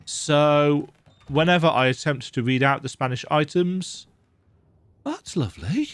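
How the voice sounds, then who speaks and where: Here a gaming video host with a slight cold speaks on the high side, a little slowly, in a dry recording. With the lights off in a dark room at home, he plays a horror game and keeps up a chatty, self-deprecating let's-play commentary.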